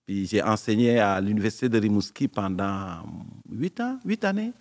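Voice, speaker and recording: A man, a guest telling stories in a relaxed, joking way with pauses and fillers. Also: on the low side, in a large hall. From Senegal. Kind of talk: casual interview talk.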